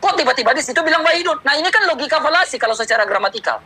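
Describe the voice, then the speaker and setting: Taunting high bright challenger voice. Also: male voice, lively intonation, rapid-fire, poor audio. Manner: taunting, repetitive, mocking. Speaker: debate challenger. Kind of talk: provocative debate challenge.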